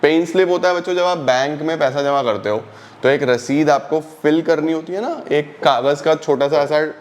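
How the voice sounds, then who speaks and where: A young man teaching an online accountancy lesson, explaining step by step and asking and answering his own questions. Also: a little high. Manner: reads English definitions slowly, explains in Hindi.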